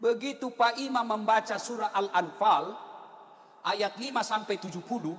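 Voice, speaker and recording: A man preaching a humorous sermon, telling lively stories and repeating rhetorical questions to the crowd. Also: very high-pitched, slight background noise. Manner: animated storytelling, repeats rhetorical questions, acts out characters. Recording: long hall reverb.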